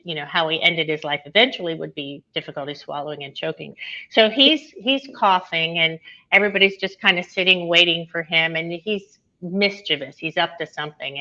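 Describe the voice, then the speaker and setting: A woman's voice: low-pitched, pushed and bright, muffled recording. A woman, an author and former nurse, telling a personal story as an interview guest, getting emotional and laughing at times.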